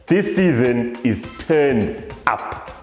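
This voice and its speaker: Man announcing with a lively pitch. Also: very slow. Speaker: show announcer. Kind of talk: scripted TV promo narration. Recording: echoey, reverberant hall with music under.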